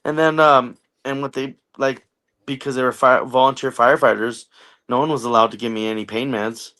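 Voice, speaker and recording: A man's voice: mid-range voice, fairly even intonation, fairly quick, pushed and bright. An American man in his thirties, a veteran guest on a podcast, telling a long personal story in a casual, joking way with lots of fillers. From United States. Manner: conversational, jokey, filler-heavy storytelling.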